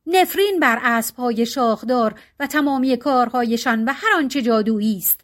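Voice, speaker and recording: A woman's voice: fairly high pitch, lightly acted. A woman voicing a stern male priest who curses all things magical in a raised, intoning voice, in an audiobook reading. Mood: solemn denunciation.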